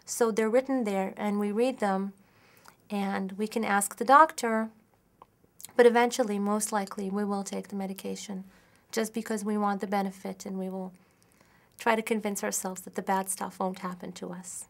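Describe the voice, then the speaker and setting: Woman lecturer explaining calmly and methodically to camera, mid-range pitch, restarts now and then. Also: gravelly. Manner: measured and explanatory, builds points with examples; occasional restarts and self-corrections. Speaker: marketing lecturer.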